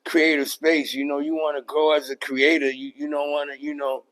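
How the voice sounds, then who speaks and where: A man's voice: on the high side, level tone, normal speed, fairly bright tone, rough recording. Laid-back New man, casual interview. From New York. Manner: laid-back, many fillers like "you know what I mean". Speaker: podcast guest, rapper and producer.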